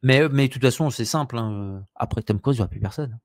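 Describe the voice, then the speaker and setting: A man's voice: medium pitch, quick pace. A man with a French accent chatting casually about films on a podcast, full of hesitations and restarts. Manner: animated, many hesitations and restarts. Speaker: podcast host.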